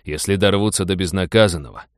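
A man reading as a gruff, defensive male pilot who grumbles reproachfully. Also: low voice, fast talker, dry recording, studio quality, lightly acted. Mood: grumbling.

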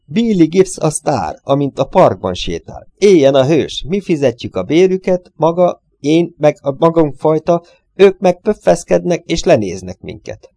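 A man doing a shrill, pleading little man. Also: sing-song, creaky, mellow, dry recording, clean studio sound, exaggerated voice. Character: nervous shrill little man, about 45, false confessor.

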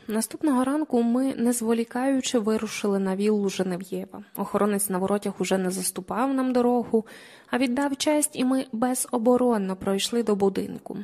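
A woman narrating a detective novel as an audiobook reader, in measured storytelling. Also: fairly high pitch, dark tone.

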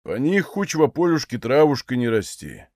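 A man doing a booming bass old Cossack. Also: sing-song, moderate pace, a little mellow, no echo, studio quality, lightly acted. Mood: mournful. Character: grieving old Cossack villager, deep bass.

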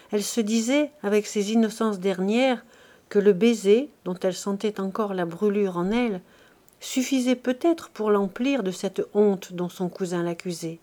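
A woman's voice: mid-range voice, a little mellow. Woman narrating a classic novel. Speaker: audiobook reader. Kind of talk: literary audiobook narration.

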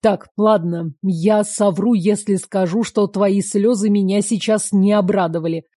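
Gruff young man in a read-aloud story, voiced by a woman, rough-spoken, dry close sound. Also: mid-range voice, steady tone, unhurried, mellow, no room sound, lightly acted.

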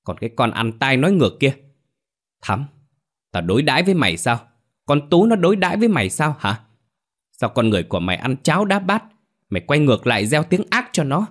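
A man voicing a fierce older woman who runs a theater troupe, scolding loudly and fast. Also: on the low side, expressive. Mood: furious. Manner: bossy, yelling, rapid scolding.

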